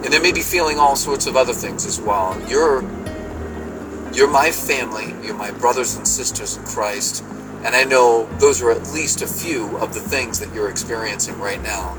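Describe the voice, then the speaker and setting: A man from Massachusetts calling in from his car over a phone line, leaving an earnest, uplifting message with halting fillers. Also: medium pitch. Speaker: caller. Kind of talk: encouraging call-in message. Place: inside a car. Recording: distant phone line with music under it.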